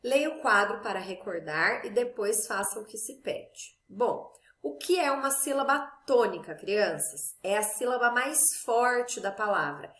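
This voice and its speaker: A woman with a fairly high voice talks young pupils through a grammar lesson, slowly stretching the stressed syllables of her example words. The sound is echoey, as if she is in a bare room. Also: expressive, a bit bright. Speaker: teacher. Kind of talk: recorded Portuguese class for children.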